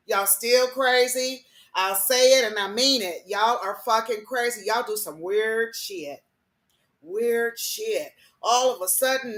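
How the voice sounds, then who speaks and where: A woman's voice: fairly high pitch, bright, forceful tone. Heated, profane woman ranting, echoey room. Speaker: internet radio host. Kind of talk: solo ranting monologue.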